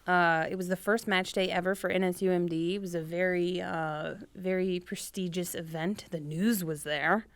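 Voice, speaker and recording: A young woman co-hosting a podcast with a lowish voice, chatting freely and laughing often. Her speech is loose and full of fillers. The sound is close and dry. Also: steady tone, moderate pace, hardly any pauses, smooth, no room sound. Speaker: podcast co-host. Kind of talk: casual podcast chat.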